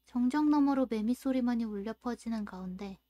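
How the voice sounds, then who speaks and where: A woman streaming a story game, reading its narration aloud in a steady storytelling voice. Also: a little high, brisk. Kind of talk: let's-play reading game text aloud.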